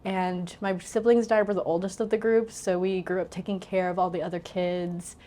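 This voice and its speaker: A woman's voice: fairly low pitch, little pitch movement, a little fast, warm tone. A woman in her twenties from southern Indiana, a pharmacy student, chatting casually as an interview guest and often saying "like". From southern Indiana, USA. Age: 20s. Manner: chatty, lots of "like", laughs easily. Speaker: pharmacy student and council president.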